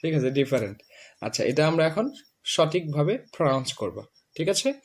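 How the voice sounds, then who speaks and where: A man with a Bengali accent teaching English pronunciation, drilling words slowly and repeating them for a student. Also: a little high, sing-song, husky. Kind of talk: classroom lesson.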